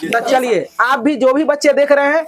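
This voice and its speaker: A middle-aged man teaches math to a room full of children. His voice sits high and carries, and he keeps asking questions so the class answers back in chorus. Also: normal speed, a crowd in the background. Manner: loud call-and-response questioning of pupils. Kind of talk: classroom lecture.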